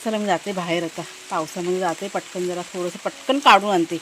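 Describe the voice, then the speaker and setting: A woman's voice: on the low side, steady tone, a little fast, fairly bright tone, slight background noise. A woman with a Marathi accent vlogging from her village home in casual chat and fussing over her dogs in doting baby talk. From Maharashtra, India. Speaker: family vlogger.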